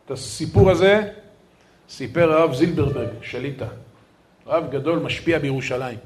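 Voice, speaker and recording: Lively rabbi telling stories. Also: male voice, a little high. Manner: lively storytelling, addressing the crowd as "guys". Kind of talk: sermon with stories.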